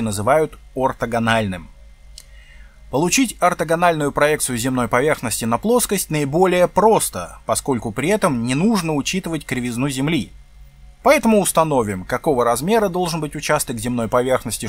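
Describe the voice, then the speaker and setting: A man's voice: on the high side, no room sound. A man reading a textbook aloud in a lesson video, breaking off for plain asides and correcting himself as he goes.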